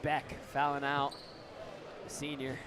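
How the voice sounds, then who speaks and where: A teenage boy doing student play-by-play commentary for a high school basketball game, getting loud at big moments. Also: unhurried. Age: teens. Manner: excited, rises to loud calls at big moments. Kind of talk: sports commentary. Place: school gym. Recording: noisy gym broadcast.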